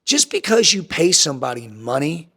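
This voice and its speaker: A fairly high-pitched man talks in a blunt, fired-up way, peppering every thought with profanity and repeating lines for punch. He lurches between quick bursts and slower, drawn-out phrases, like a podcast guest laying it all out. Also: big pitch swings, fairly bright tone, slightly rough. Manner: blunt, intense and heavily profane, with emphatic repetition. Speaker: podcast guest, entrepreneur and former Navy SEAL. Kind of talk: candid podcast interview.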